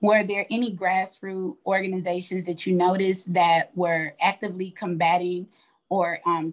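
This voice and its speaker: A woman student asking a polite, earnest question on a video call, with some hesitant fillers. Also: fairly low pitch.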